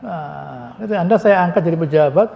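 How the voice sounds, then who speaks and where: A man gives a Quran commentary lecture in a mosque, his voice pitched high. He keeps it conversational, posing questions and answering them himself, with joking asides. A long hall reverb trails behind every phrase. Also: lively intonation, fairly quick, vocal fry, mellow. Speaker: Islamic preacher.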